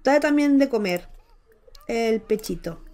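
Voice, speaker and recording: A woman's voice: a little high, expressive, a little slow, darkish tone, a little hiss or hum. A woman from giving chatty, affectionate gameplay commentary as a Let's Play host, cooing over a baby character with many exclamations.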